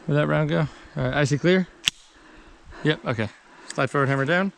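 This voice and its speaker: A man working as range officer at an outdoor shooting range, calling out brisk, short commands and encouragement. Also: on the high side, creaky. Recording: noisy outdoor range, mic far off.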